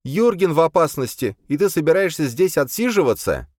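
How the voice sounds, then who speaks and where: A fiery, impatient young woman, put on by a male audiobook narrator who snaps in shrill, indignant bursts. The voice sits high above his own and leaps around with agitation. The room is dry, with no echo. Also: big pitch swings, a little fast, a little mellow. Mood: heated.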